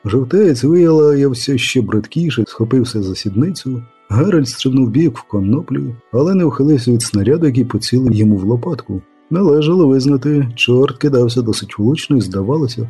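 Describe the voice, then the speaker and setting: A man narrating a fantasy story aloud as an audiobook reader, in a steady storytelling manner. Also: mid-range voice, brisk, few pauses, breathy edge, faint music behind. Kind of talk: scripted narration.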